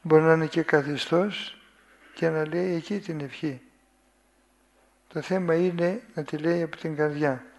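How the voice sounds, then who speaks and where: Male preacher, slightly high voice with a gravelly edge, unhurried sermon delivery, rhetorical questions to the congregation. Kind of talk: sermon reading and commenting on a spiritual text.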